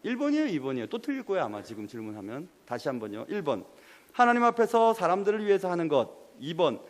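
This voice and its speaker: A young male pastor preaches with a high, animated voice, throwing questions at the congregation and pressing for answers. The sound carries a long reverb from the sanctuary. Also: fast. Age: young adult. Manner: lively, quizzes the congregation and presses them. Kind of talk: sermon. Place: church sanctuary.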